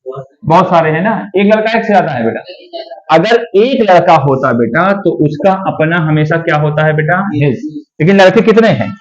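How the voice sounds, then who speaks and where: A man's voice: on the high side, animated, muffled recording. Coaxing man teaching English grammar. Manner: coaxing, keeps checking if students understood; calls students beta, slows to dictate sentences. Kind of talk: classroom grammar lesson.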